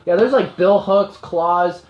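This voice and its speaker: A man's voice: high voice, takes it slowly, muffled recording. A man running a tabletop game as game master, describing scenes in a loose, rambling way full of fillers. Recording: echoey room with faint noise.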